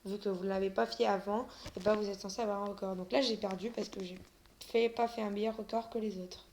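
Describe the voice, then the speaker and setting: A woman talks her viewers through a game in a loose, casual way, pausing on fillers and often stammering on her words. Her voice sits at an ordinary middle pitch. A faint noise runs under the recording. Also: fairly even intonation, a little mellow. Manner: hesitant, many fillers. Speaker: gaming video creator. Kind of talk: casual gameplay commentary.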